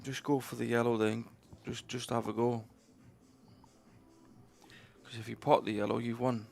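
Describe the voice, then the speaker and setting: A man's voice: mid-range voice, level tone, moderate pace, gravelly, darkish tone, faint music behind. A man with a Yorkshire accent co-commentating on pool, casual and blunt about which shot to play. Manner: casual, blunt advice on shots.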